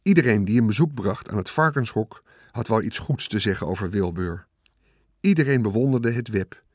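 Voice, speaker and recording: A man reading a children's storybook aloud as narrator, in a calm, measured way. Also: on the low side, no room sound, studio quality.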